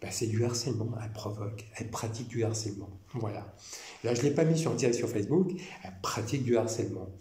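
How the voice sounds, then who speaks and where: A man from France talking to camera in a rambling, repetitive and animated way. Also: lowish voice, quick pace. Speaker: vlogger. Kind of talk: casual monologue. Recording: echoey room with faint noise.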